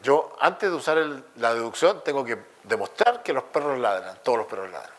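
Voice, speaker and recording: A man voicing an excitable male philosopher, speaking high and insistent. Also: brisk. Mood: reasoning.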